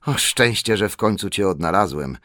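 A sturdy, strong soldier , as a narrator puts him on calls out loudly and urgently, voice pitched somewhat up. The reading is dry and close-miked. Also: male voice, lively intonation, moderate pace, dry recording. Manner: loud and urgent. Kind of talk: audiobook character voice.

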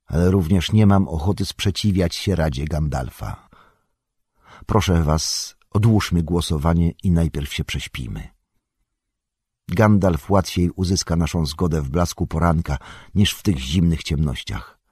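A man voicing a gentle, cautious young male hobbit in an audiobook, speaking softly and hesitantly. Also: sits low, unhurried, breathy edge, dry recording, clean studio sound. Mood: reluctant. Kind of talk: audiobook character reading.

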